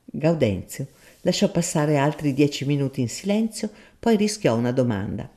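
A man narrating a story in an expressive, measured reading. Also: a little high. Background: soft guitar music.

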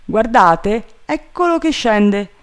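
A man voicing an eager, simple-minded male servant calling down from a tree, in a high, drawling, plaintive voice. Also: expressive, slow, a bit bright, clear, resonant tone, full character voice.

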